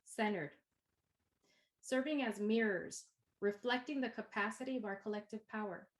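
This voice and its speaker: A Chicana university instructor from East San Jose, California, whose first language is Spanish, gives a poetic spoken-word welcome address in English laced with Spanish. She has a mid-range voice and a Chicana English accent with code-switching. Her phrasing is rhythmic, poetic and unhurried.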